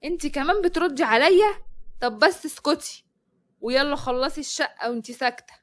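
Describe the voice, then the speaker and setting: A rude, bossy sister-in-law snaps orders in an Egyptian accent, as a woman storyteller voices her. Her high voice is brisk and dismissive. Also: fairly bright tone. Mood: snappy. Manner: snappy, dismissive.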